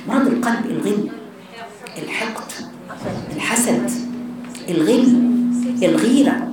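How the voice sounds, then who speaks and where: A woman with an Egyptian Arabic accent giving a religious lesson to young women, animated and full of rhetorical questions. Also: on the high side. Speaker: religious teacher. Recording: echoey room, distant mic, background noise.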